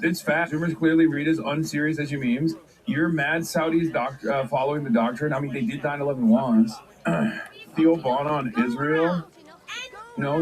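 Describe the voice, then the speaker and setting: A man's voice: a little high, rough recording. A man streaming and reacting to news clips, talking sarcastically and in disbelief, often rambling.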